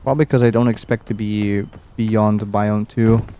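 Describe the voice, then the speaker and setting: A man's voice: lowish voice, little pitch movement, moderate pace, mellow, clean tone. A young man streaming a game, rambling and musing aloud with easy chuckles as he plays. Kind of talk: casual gameplay commentary.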